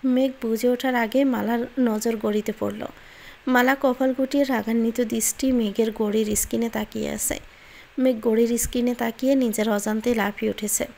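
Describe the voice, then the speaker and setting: A woman narrating a Bengali romance audio story with a steady, expressive reading. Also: fairly high pitch, vocal fry.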